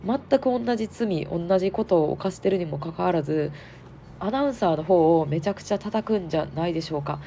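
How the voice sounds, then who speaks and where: A woman with a Kansai accent, hoarse and stuffed up, hosting a frank, chatty solo podcast with plenty of fillers. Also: fairly low pitch, fairly quick, warm tone, slight background noise. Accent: Kansai Japanese. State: hoarse, congested nose. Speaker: podcast host. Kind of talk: casual solo podcast talk.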